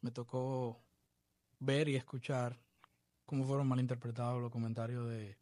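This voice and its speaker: A man from the Dominican Republic, a baseball coach being interviewed, talking in a measured, reflective way. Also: mid-range voice, flat delivery, mellow, dry recording. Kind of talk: podcast interview.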